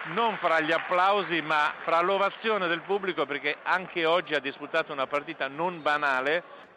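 High-voiced male football pundit. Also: fairly even intonation, moderate pace, a crowd in the background. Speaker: football co-commentator. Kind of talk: unscripted live match analysis. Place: outdoor football stadium. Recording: noisy outdoor stadium broadcast.

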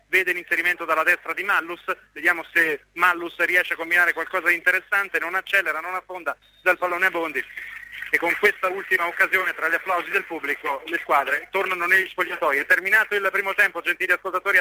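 Bright, high-voiced football radio commentator, male. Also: dry recording, rough recording. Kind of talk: live play-by-play commentary.

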